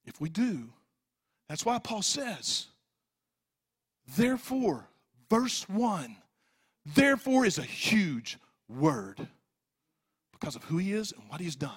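An older man, a pastor preaching a sermon, swinging between loud pleading and hushed low asides, repeating words for emphasis. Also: sing-song, takes it slowly, pauses often, breathy edge.

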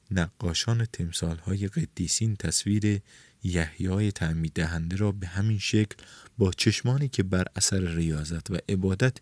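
A man narrating a novel, raising his voice to act out the dialogue. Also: dry recording. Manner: reads dialogue with raised pitch and shouts for characters. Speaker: audiobook narrator.

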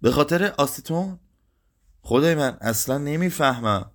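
A man's voice: medium pitch, lively intonation, fairly bright tone, lightly acted. A man voicing a brusque, incredulous pharmacist in a read-aloud story, speaking in a curt way. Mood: baffled. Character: brusque male pharmacist, gruff then baffled.

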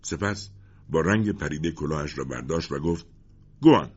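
A man narrating a classic novel in an expressive, dramatic storybook reading. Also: rumbling low, slightly rough, muffled recording.

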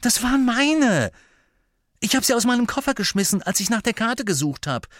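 A man voicing an impatient, exasperated teenage boy wizard who speaks in a raised, sharp voice. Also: very high-pitched, big pitch swings, moderate pace, no echo, studio quality, voice pushed up, full character voice.

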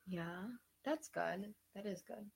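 This woman's mid-range voice carries vocal fry, and she takes her time speaking. In her thirties, she is hosting a casual livecast while sick and losing her voice, so she rambles, laughs, and occasionally slips into a whisper.

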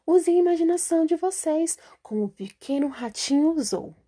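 A woman reading a children's story aloud in a gentle, teacherly way, often hushed. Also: high-pitched, lively intonation, brisk.

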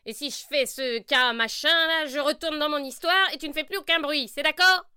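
A bossy, impatient storybook witch played by a woman reader barks her lines, pitched high and bright. The sound is close and dry, like a tidy reading booth. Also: moderate pace, dry recording. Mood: exasperated. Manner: snappish, exclaiming.

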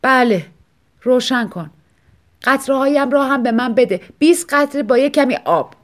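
A high, loud, moaning voice of a sickly wife around fifty, as a woman narrator puts her on. She complains in a slow, self-pitying whine throughout this audiobook story. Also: lively intonation. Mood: plaintive. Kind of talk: audiobook reading.

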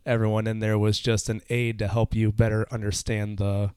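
A man's voice: fairly low pitch, flat delivery, moderate pace, darkish tone, clear, resonant tone, no room sound, studio quality. A man as a podcast guest, telling his own story in an earnest, slightly nervous way. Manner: earnest, a little nervous, with fillers. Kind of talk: casual storytelling.

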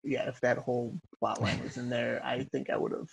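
A man's voice: mid-range voice, level tone, brisk, vocal fry, husky. A man appearing as a podcast guest, chatting casually with an easygoing, wry manner. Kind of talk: casual chat. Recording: dull lo-fi audio.

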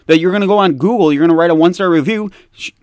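An American man ranting in an exasperated, mocking tone, often dropping low to mimic the people he criticizes. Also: very fast, a little mellow, smooth, no echo, studio quality. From United States. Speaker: commentator. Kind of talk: opinion rant to camera.

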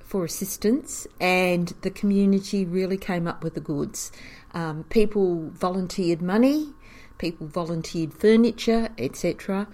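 A woman's voice: on the low side, measured pace. A woman, caretaker of a historic cottage, telling its story with enthusiasm and frequent chuckles. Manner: animated storyteller, chuckles often. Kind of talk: storytelling in an interview.

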